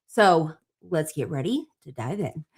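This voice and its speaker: A middle-aged woman, a livestream host and small business owner, speaks straight to her viewers on a casual stream, bubbly and gushing despite being tired from very little sleep. Her voice sits low, sing-song and unhurried with a slight roughness.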